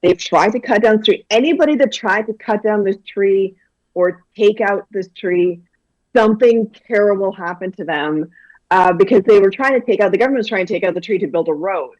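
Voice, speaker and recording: This guest, a children's book author from Guyana, talks animatedly through a casual interview with many fillers and restarts. She has a mid-range, darkish voice and speaks a little fast, and the recording is dry and dull.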